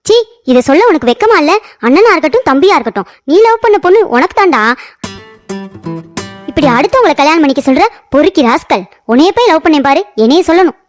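A woman plays a fiery young woman in a cartoon story, who scolds in a very high voice and rattles off her lines fast. Faint music sits under her. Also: expressive. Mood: furious. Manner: shrill, scolding, insulting. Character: hot-tempered young woman, sharp-tongued girlfriend.

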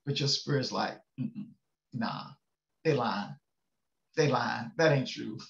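Slow and gravelly, this medium-pitched older pastor delivers an easygoing, folksy devotional from a home study with bookshelves. He chuckles and checks in with his listeners, heard through a video call webcam in an echoey room with slightly dull sound.

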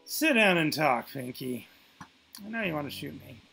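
Old-time gang boss, tired and gravelly, read by a man with a tense tone. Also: fairly high pitch, sing-song, moderate pace, bright, forceful tone, soft background music, voice pushed down, heavily acted. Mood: weary. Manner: gangster-movie tough talk. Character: aging male 1920s mob boss, weary.

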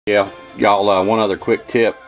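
Man, lowish voice, folksy rambling how-to tech, faint music underneath. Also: flat delivery, moderate pace. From Kentucky. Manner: folksy, rambling, lots of "uh" and "okay, y'all". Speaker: HVAC technician. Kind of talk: hands-on how-to demonstration. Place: home workshop with wood-paneled walls.

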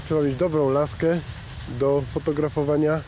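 A man's voice: on the high side, flat delivery, normal speed, warm tone, slight background noise. A man talks personally and reflectively about his hobby, in plain-spoken documentary style. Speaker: amateur railway photographer.

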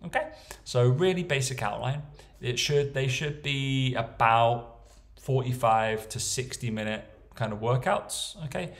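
A man's voice: mid-range voice, expressive, unhurried. A young man coaching casually while walking through a training plan, often checking in with "okay?" and "right?". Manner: chatty, tags lines with "okay?" and "right?". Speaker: strength coach. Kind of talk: casual screen-share walkthrough.

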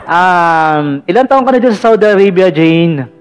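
Male host for a live call-in show, talkative and playful, voice pitched a little high, light music underneath. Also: lively intonation, normal speed. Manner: chatty, teasing, many fillers like "ayan". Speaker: vlog radio-style host taking callers. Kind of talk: casual live call-in chat.

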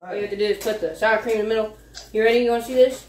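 A man's voice: high-pitched, steady tone, rapid-fire, distant mic. A young man in casual, slangy banter while helping cook in a home kitchen. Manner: laid-back slangy banter. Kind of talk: casual chat. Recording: roomy kitchen, off mic, noisy.

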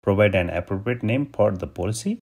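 Husky low-voiced man from Nepal. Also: fairly quick. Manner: steady step-by-step instructions. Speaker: tutorial host. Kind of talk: screen-recorded software tutorial.

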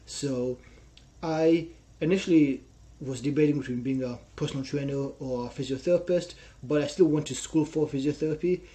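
Wearing a headset in a small room at home, this earnest personal trainer in his twenties from Israel shares his story in a relaxed interview, tagging lines with "right?" in his Israeli accent. His voice is a little high and warm, moving at a normal speed.

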